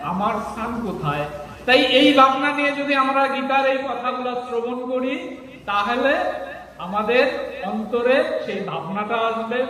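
A man giving a devotional scripture discourse, speaking slowly in short phrases with pauses. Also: very high-pitched, sharp tone. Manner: slow, phrase-by-phrase delivery with pauses. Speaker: Gita discourse speaker for a study circle. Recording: roomy hall reverb, voice far from mic.

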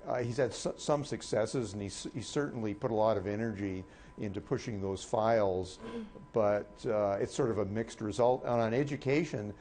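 Over background noise, a man in his sixties offers measured political analysis. His voice is fairly deep and mellow, and he hesitates and repeats words as he goes. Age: 60s. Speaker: political commentator. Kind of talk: unscripted broadcast analysis.

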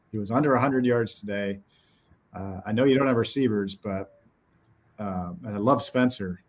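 Husky-voiced man on a podcast call. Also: medium pitch. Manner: animated, blunt, frequent fillers. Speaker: sports podcast host. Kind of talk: casual postgame chat. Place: small indoor office. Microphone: headset on a video call.

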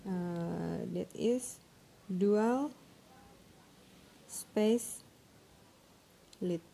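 Woman, halting broken English, creaky. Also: mid-range voice, mellow. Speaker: tutorial presenter. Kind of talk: informal screen-recorded phone tutorial. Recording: noisy amateur phone screen recording.

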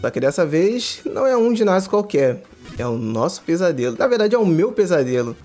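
Young male gaming commentator, quick and a bit high-voiced, excited and slangy, faint game music behind. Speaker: gaming YouTuber. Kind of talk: casual gameplay commentary.

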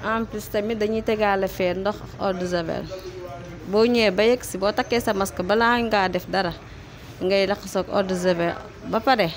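A woman's voice: mid-range voice, steady tone, normal speed. A young woman from Senegal, a hairdresser interviewed in a salon, explaining things insistently. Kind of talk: street interview. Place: hair salon, indoors. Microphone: handheld mic held close. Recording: clear background noise.

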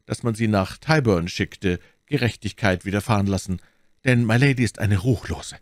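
A man's voice: on the low side, moderate pace, no room sound, close to an everyday voice. A man voicing a haughty, easily angered duke in an audiobook reading, exclaiming with raised indignation. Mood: indignant. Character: haughty English duke, middle-aged, imperious, easily angered. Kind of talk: audiobook character voice.

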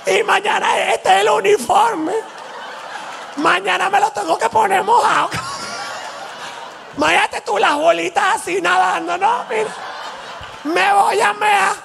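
A man voicing a shrill, drenched young Venezuelan who laughs off his troubles, squealing and shouting. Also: steady tone, unhurried, vocal fry, pauses often, crowd noise, background noise, heavily acted. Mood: giddy shrill.

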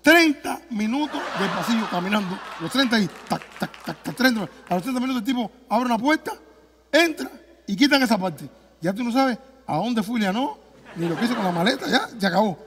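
A man with a Cuban accent doing a stand-up comedy monologue, telling the story with animated cries and sound effects. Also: sits high, a little fast, long reverb tail, a little hiss or hum.

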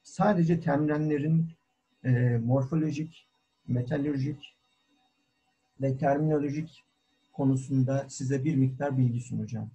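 A man who is a cultural historian giving a formal online talk, deliberate and full of hesitant fillers, heard over call audio. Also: mid-range voice, warm tone, slightly rough, rough recording. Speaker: guest lecturer, cultural historian. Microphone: video call.

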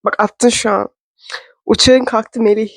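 A woman's voice: fairly high pitch, fairly even intonation, unhurried, gravelly, no echo. Young woman, casual vlog, chatty and self-mocking, dead dry room. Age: young adult. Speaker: vlogger. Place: indoor room.

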